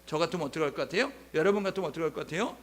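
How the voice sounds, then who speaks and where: A man's voice: a little high, rapid-fire. A male pastor preaching a sermon, telling Bible stories animatedly and asking the congregation rhetorical questions. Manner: animated storytelling, acting out biblical scenes in dialogue.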